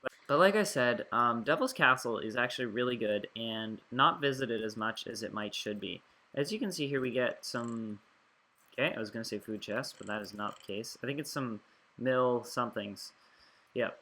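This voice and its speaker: Bright-voiced young man narrating gameplay. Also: medium pitch, moderate pace. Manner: rambling, filler-heavy, chatty. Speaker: gaming YouTuber. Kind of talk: casual gameplay commentary.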